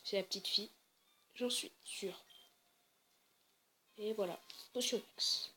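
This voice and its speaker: A woman's voice: mid-range voice, takes it slowly, bright, forceful tone, a little hiss or hum. A woman casually commenting on her game, chatty and hesitant, often correcting herself. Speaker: let's play gamer.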